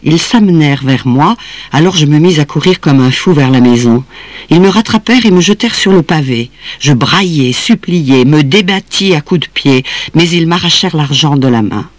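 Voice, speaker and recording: A man's voice: on the high side, no echo. Man reading a story aloud, dry sound. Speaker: reader.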